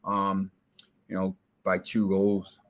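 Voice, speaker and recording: A slow-paced man from New Jersey, United States, with a low, slightly bright voice and a totally flat delivery, guests on a casual chat about soccer bets. He rambles, restarts, repeats words and uses lots of fillers.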